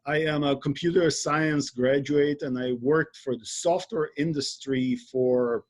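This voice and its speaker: A man's voice: a little high, steady tone, unhurried. A middle-aged man from Israel, telling his story with jokey asides in a casual webinar conversation. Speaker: webinar co-host.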